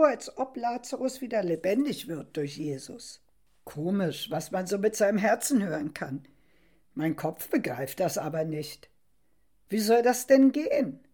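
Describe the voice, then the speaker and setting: Expressive woman reading a storybook aloud. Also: mid-range voice. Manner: expressive, wondering, reflective. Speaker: narrator. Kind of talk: first-person storybook narration.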